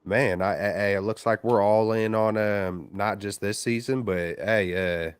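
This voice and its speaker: Male sports-fan caller, American, over the phone. Lowish voice, dry sound, informal and slangy. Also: fairly even intonation, unhurried, clean tone, no room sound. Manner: slangy, informal, frequent "man" and "bro". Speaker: caller on a live sports call-in show. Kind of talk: casual excited fan chat.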